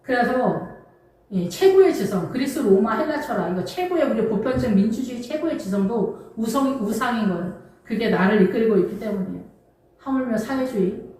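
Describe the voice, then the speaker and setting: A woman's voice: a little high, lively intonation, normal speed, dark tone. A woman pastor preaching a sermon, emphatic and conversational, full of rhetorical questions. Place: church. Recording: distant mic in an echoey church hall.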